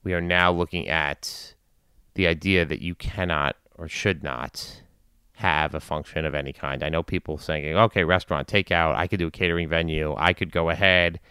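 A man giving informal news and community commentary in a measured, deliberate way with long pauses. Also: sits low, fairly even intonation, sharp tone, smooth, no echo, clean studio sound. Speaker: commentator addressing his community.

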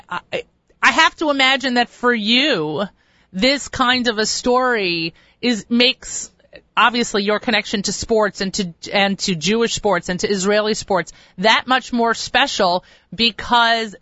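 A woman's voice: a little high, a little slow, pushed and bright, no echo, lo-fi sound. A woman hosting a talk show interview, effusive and full of enthusiastic interjections.

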